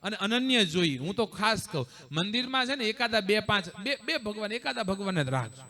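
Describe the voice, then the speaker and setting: A man's voice: sits high, big pitch swings, a little fast, bright, forceful tone. A man preaching a devotional sermon to a live gathering, emphatic and speaking directly to listeners. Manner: emphatic, addresses audience directly. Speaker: religious preacher.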